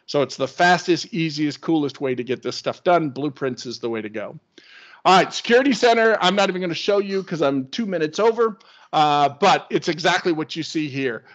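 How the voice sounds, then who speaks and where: A man presenting a screen-share tech webinar, explaining in an enthusiastic, conversational way. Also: a little high. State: hiccups. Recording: dull lo-fi webinar audio.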